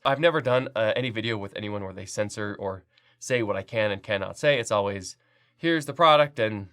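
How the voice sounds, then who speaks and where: With a nasal, stuffed-up voice from a cold, the host of a 3D printing channel chats his way through a casual product review. His voice is mid-range and a bit bright, and he talks loosely with frequent fillers and restarts.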